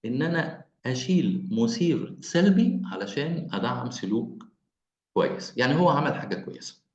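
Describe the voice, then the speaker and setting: A man with an Egyptian Arabic accent giving an online parenting lecture, explaining things with animated repetition over a video call. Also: mid-range voice, fairly quick, reverberant, muffled recording. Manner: animated, explaining with repeated phrases.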